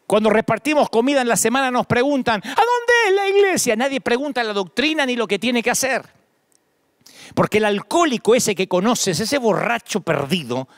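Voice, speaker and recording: A middle-aged Argentine pastor preaches with insistent, rhythmic emphasis, stacking phrase on phrase. His voice sits high for a man. The sound is close and dry, with no room around it. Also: fairly bright tone, dry recording. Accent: Argentine Spanish. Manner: emphatic preaching, builds lists with rising repetition. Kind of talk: sermon.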